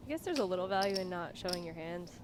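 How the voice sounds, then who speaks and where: A woman's voice: fairly low pitch, expressive, fast. A woman co-commentating on poker in a casual, hedging, conversational way. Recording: clear background noise.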